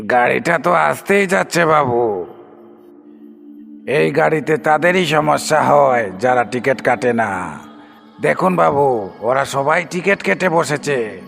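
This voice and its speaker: An actor playing a sinister ghostly male bus conductor in a horror audio drama, taunting slowly and laughing. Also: medium pitch, fairly bright tone, exaggerated voice. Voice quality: gravelly, cackling laugh. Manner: slow, taunting, calls passenger babu. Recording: long reverb with background music.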